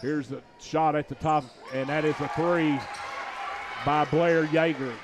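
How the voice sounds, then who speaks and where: A man giving rapid, excited play-by-play of a high school basketball game from a school gymnasium, his voice jumping up on every shot. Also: noisy background. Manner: rapid, excited calls that rise on shots. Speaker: play-by-play announcer.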